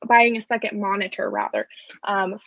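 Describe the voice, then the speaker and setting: Woman interpreter doing the voice-over for a deaf panelist; halting and self-correcting; dull lo-fi call sound. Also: medium pitch, fairly even intonation, fairly bright tone, dry recording. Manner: halting, self-correcting, speaks in first person for the signer. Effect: interpreter's voice-over of a deaf speaker's signing. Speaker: sign language interpreter voicing a deaf panelist. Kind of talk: live interpreted panel remarks.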